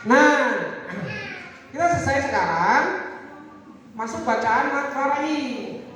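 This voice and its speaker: High-voiced woman drilling a class in an echoey hall. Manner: call-and-response drilling, sing-song prompts. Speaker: Quran recitation teacher. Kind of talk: teaching teachers a recitation method. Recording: echoey hall, far from the mic, crowd behind.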